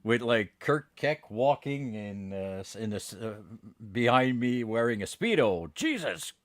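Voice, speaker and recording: A man with a Quebec French accent, a native French speaker, hosting a casual bilingual podcast and switching between English and French in an animated, hesitant way. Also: medium pitch, unhurried, dry recording. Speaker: podcast host.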